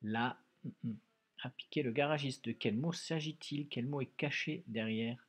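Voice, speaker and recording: A man teaching a dictation lesson to young pupils, slow and patient, spelling words out syllable by syllable and often adding "hein". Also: medium pitch, breathy edge. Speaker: primary school teacher. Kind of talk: recorded remote dictation lesson.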